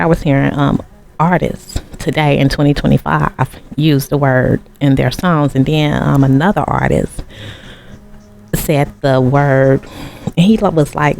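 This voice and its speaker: A man's voice: on the high side, creaky, a little mellow, a little hiss or hum. A man giving a tarot reading in a casual, rambling way, often turning to the viewer with asides. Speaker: tarot reader. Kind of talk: casual chat.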